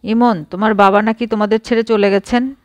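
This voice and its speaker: A woman's voice: medium pitch, fairly even intonation, brisk, no room sound, clean studio sound, lightly acted. A woman voicing a curious young schoolteacher who pries with light amusement, in a storybook reading. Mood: prying.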